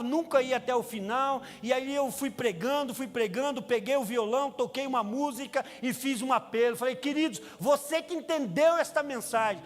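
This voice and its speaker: Brazilian pastor guy, really high voice, sermon story in a big echoey church, faint music under it. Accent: Brazilian Portuguese. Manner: storytelling, acts out quoted voices with raised pitch. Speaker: pastor, prison chaplain. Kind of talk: sermon testimony. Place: church sanctuary. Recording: reverberant church hall with music.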